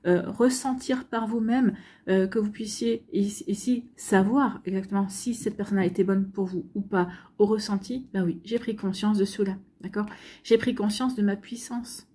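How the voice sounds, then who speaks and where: Woman, tarot reading, mellow timbre, slightly husky, gentle guiding delivery. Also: mid-range voice, steady tone, normal speed. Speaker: tarot card reader. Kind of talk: intuitive card reading addressed to the viewer.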